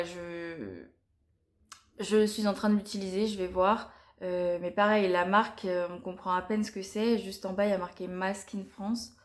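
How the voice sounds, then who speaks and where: A young woman reviewing beauty products to camera in a casual, chatty way, often pausing and restarting her sentences. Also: on the low side. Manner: chatty and hesitant, frequent pauses and restarts. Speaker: beauty vlogger.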